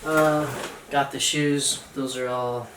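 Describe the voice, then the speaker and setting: A man's voice: medium pitch, steady tone, slow, fairly bright tone, a little hiss or hum. Chatty young man, roomy distant mic. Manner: chatty, self-mocking, jokey asides. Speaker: vlogger. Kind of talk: casual unboxing vlog.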